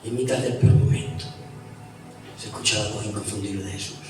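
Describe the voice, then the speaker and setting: A man with an Extremaduran accent preaching an evangelical sermon, telling the story with animation and swinging between loud and hushed delivery. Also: lowish voice, steady tone, a little fast. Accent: Extremaduran Spanish. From Extremadura, Spain. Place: church hall. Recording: echoey hall from a distance with loud music.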